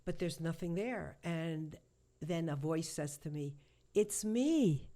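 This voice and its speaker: A woman with a somewhat low voice speaks as an interview guest. She tells a personal story with feeling, stumbling, restarting and repeating herself as she goes. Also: fairly even intonation, mellow. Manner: halting, emotional, many restarts and repetitions. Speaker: shamanic healer guest.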